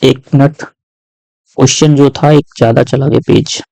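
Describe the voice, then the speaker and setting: A man walks students through exam questions, checking in with short tag questions as he goes. His voice sits at a middle pitch. The sound is dry and close, with no room around it. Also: fairly even intonation, creaky, dark tone, no room sound, low-quality recording. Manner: explains step by step with frequent tag questions; reads English questions aloud slowly. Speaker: tutor. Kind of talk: exam-prep lesson walkthrough.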